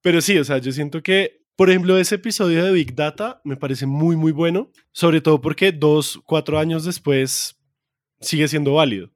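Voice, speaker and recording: A man's voice: a little high, moderate pace, dry recording, studio quality. Young man with a Bogotá accent. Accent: Bogotá Colombian. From Colombia. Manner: relaxed, self-mocking, swears casually. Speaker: podcast co-host. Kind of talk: casual podcast chat.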